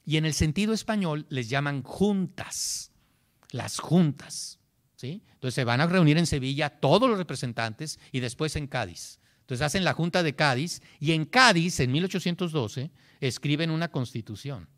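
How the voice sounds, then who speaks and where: Animated man lecturing on history. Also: fairly high pitch, moderate pace. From Mexico. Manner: animated, frequent "¿sí?" check-ins, acts out historical voices; repeats words while searching, restarts. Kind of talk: classroom lecture.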